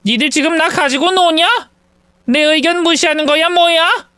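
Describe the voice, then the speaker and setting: A man's voice: big pitch swings, measured pace, sharp tone, smooth, no room sound, exaggerated voice. A man voicing a bitter, domineering older mother-in-law who scolds and wails in self-pity. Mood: scolding. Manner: shrill, self-pitying wailing.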